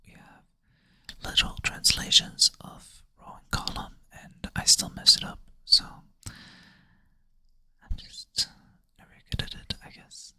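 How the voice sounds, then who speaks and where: This whispered ASMR puzzle play-through comes from a creator whose first language is Swedish, talking at a measured pace in a sleepy, soft whisper on a close ASMR mic. The creator thinks aloud and makes self-deprecating remarks.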